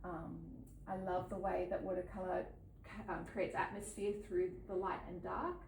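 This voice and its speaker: A woman in her thirties from New South Wales, Australia, speaks without a script about her art to an audience in a gallery event space. Her fairly low, level, gravelly voice halts often, with plenty of ums and soft laughs. The audio has a roomy echo, sits slightly far from the mic, and carries a faint hum beneath it.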